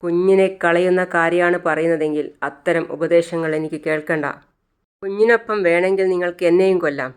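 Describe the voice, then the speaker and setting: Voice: medium pitch, steady tone, fairly quick, clean tone, natural voice. A narrator voicing a defiant young pregnant wife who stands up to her husband, in a retold TV serial.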